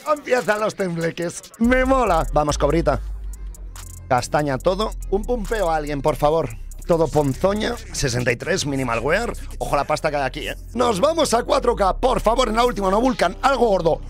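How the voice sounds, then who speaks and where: Excitable young Spanish streamer man. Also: high voice, normal speed. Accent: Spain Spanish. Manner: excitable, bursts into loud cheering and shouting. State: losing his voice. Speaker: gaming streamer. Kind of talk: excited gameplay commentary. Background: background music.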